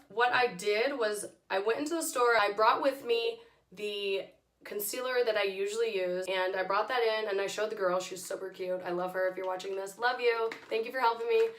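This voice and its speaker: A hoarse woman with her voice nearly gone, giving a chatty, informal product review as a beauty vlogger. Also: medium pitch, fairly bright tone. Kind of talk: casual product review to camera. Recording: echoey room.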